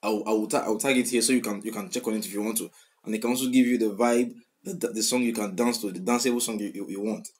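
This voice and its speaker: In a small indoor room at home, with music playing, a twenty-something man with a Nigerian accent hosts a reaction video, talking fast in a lowish voice with fairly even intonation. He comments casually on the songs and repeats lyrics in slangy talk.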